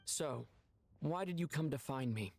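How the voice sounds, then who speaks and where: A man voicing a friendly young video game character who speaks in a mild, matter-of-fact way, with a husky voice. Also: fairly high pitch, expressive, unhurried, darkish tone, heavily acted.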